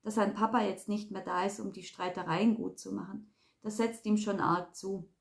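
A woman's voice: medium pitch, steady tone, moderate pace, vocal fry, lightly acted. A woman playing a bossy, effusive daughter. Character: brisk, domineering middle-aged daughter.

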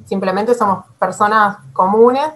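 A woman's voice: mid-range voice, unhurried. A woman in her forties with an Argentine Spanish accent from Rosario, speaking as a climate activist guest over a webcam video call, with many fillers, restarts and little laughs. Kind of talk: casual interview answers. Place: small room at home.

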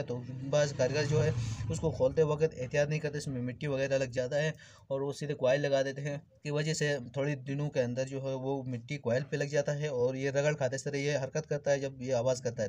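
This electrical repair tutorial host has a medium-pitched, darkish voice. He gives an informal hands-on demonstration, explaining things step by step and addressing viewers as friends, while the recording carries clear background noise and clicks.

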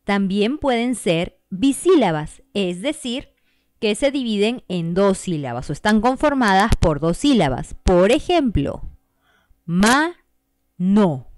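Animated woman explaining a lesson. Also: medium pitch, a little slow, dry recording, studio quality. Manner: animated, clapping out syllables, asks the viewers questions. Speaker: teacher, channel host.

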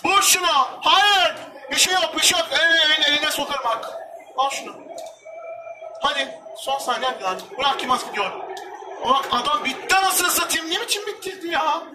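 A young man commentating his football video game, shouting and swearing in frustration at his players. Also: very high-pitched, expressive, moderate pace, recorded from a distance, noisy background. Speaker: gamer. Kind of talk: excited gameplay commentary.

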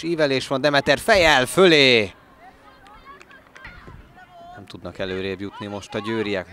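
A man giving excited sports commentary in Hungarian style, calm play-by-play that leaps into raised calls on chances. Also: medium pitch, slight background noise. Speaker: football match commentator.

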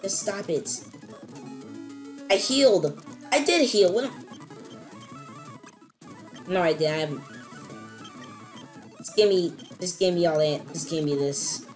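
A young woman commentating her own gameplay, ranting in exasperation and jumping up to squealing high notes. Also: animated, unhurried, long pauses, a little mellow, soft background music. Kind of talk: let's-play commentary.

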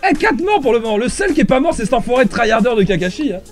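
A man streaming a game with friends, excitable and loud, shouting, laughing and joking in mock outrage. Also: extremely high pitch, rapid-fire, over loud music. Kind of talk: casual gaming stream chat.

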